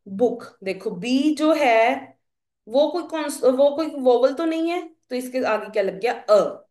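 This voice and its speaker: A young woman teacher, explaining grammar slowly and asking her students questions. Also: sits high. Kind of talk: classroom grammar lesson. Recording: echoey room.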